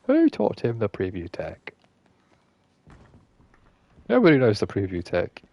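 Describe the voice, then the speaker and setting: Man, game streamer: low, gravelly voice, rambling and casually profane commentary. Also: huge pitch swings, unhurried, warm tone, muffled recording. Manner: rambling, self-correcting, swears casually. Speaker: gaming streamer.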